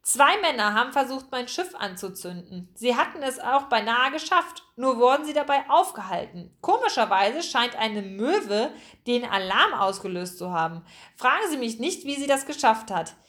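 A woman reads out a courteous, elegant older gentleman from a children's storybook. He speaks politely and earnestly, with a fairly light voice for a man. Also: on the high side, very animated, normal speed. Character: tall elegant older gentleman, genial businessman.

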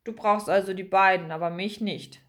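A woman's voice: on the high side, lively intonation, normal speed, sharp tone. A woman voicing a timid young male mouse who is anxious and easily offended. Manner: anxious, indignant.

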